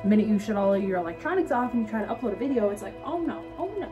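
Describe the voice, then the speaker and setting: A woman's voice: medium pitch, expressive, rapid-fire, dull audio, over music. A young woman in her twenties chatting casually and rambling cheerfully in a vlog, filmed on a phone in her bathroom and parked car. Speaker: vlogger.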